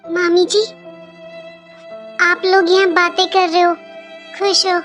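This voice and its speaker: A woman's voice: very high voice, little pitch movement, takes it slowly, a bit bright, soft background music, heavily acted. A woman voicing a young, outspoken girl in a cartoon, talking in an earnest, pleading way. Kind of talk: cartoon voice acting.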